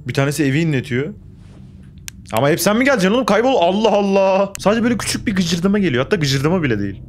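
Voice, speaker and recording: A man's voice: sits high, big pitch swings, racing, a little hiss or hum. A young man playing a horror game, commenting on the action, getting jumpy and swearing back at the game. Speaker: gaming YouTuber.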